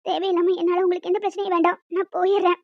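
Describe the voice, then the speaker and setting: Woman doing a meek tearful young cartoon woman, very high voice, soft pleading, dull lo-fi. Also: level tone, very fast, no echo. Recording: dull lo-fi dry sound.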